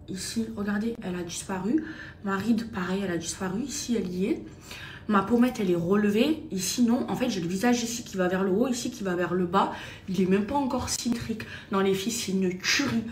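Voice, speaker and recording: A woman in her thirties vlogs on the go, chatting casually with her followers and repeatedly calling out to them as she moves from indoors to her car and the shops. Her mid-range voice has a darkish tone, with a little hiss or hum on the recording.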